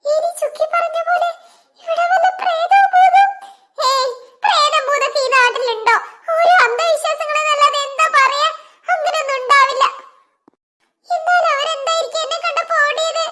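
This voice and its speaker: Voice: very high-pitched, normal speed, bright, forceful tone. A performer voicing a chatty, slightly forgetful mother in a cartoon. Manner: chatty, exclaiming. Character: chatty mother, newly moved in, a bit forgetful. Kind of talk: cartoon voice acting.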